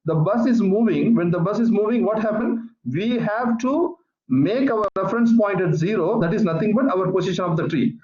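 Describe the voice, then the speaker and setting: A man teaching a physics lesson over an online call, explaining slowly and patiently with many repetitions. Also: high-pitched, expressive, a little mellow. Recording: echoey, muffled online call audio.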